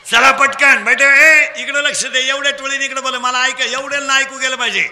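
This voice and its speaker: High, bright-voiced Khandeshi kirtan preacher. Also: male voice, little pitch movement, brisk, long reverb tail. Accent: Khandeshi Marathi. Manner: teasing, call-and-response with children, shouting prompts. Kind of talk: humorous kirtan sermon to a crowd.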